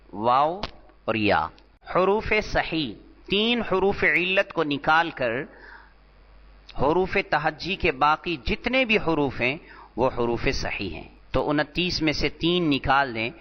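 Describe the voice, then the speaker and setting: A man teaching Arabic grammar terms in a recorded lecture, explaining slowly and repeating each term, sometimes chanting scripture. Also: mid-range voice. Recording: dull lo-fi audio in a reverberant hall.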